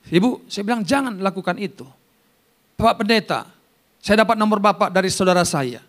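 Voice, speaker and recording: Seorang pendeta pria berkhotbah dengan hidup, bergantian antara seruan keras dan sisipan pelan, sambil bercanda dengan jemaat. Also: male voice, high-pitched. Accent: Indonesian. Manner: animated preaching with loud rises and soft asides; jokes with the congregation by name. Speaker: pastor. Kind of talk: sermon.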